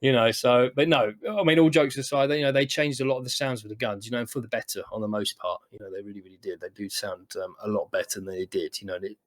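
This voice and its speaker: A man's voice: fairly low pitch, steady tone, fast talker, few pauses. A British man hosting a podcast, rambling casually with lots of "you know" and restarts. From United Kingdom. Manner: rambling, many fillers and restarts. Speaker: podcast host. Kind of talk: casual chat.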